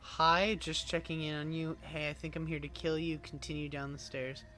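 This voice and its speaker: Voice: mid-range voice, little pitch movement, moderate pace, bright, forceful tone. A gaming host giving casual, joking commentary while playing through a story game. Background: game music.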